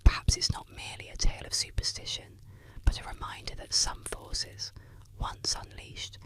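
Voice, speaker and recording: A narrator telling eerie legends in a breathy, unvoiced ASMR whisper, with scripted, suspenseful delivery. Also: normal speed.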